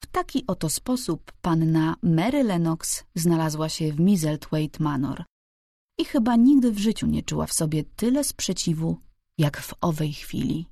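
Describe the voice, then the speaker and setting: A woman reading a novel aloud as an audiobook narrator, calm and even. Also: low-pitched, a little slow, creaky, dry recording, studio quality. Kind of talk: scripted narration.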